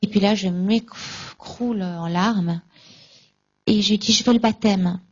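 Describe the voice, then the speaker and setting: A woman giving a personal faith testimony at a conference, recounting events with lively acted-out dialogue. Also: medium pitch, a little slow, lo-fi sound. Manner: lively, acts out remembered dialogue.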